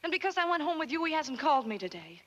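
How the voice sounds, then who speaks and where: Brief: young Southern schoolteacher, high voice, clipped and wary. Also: female voice, big pitch swings, fast, fairly bright tone, lo-fi sound. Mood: indignant. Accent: American Southern. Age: young adult. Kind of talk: 1940s film acting.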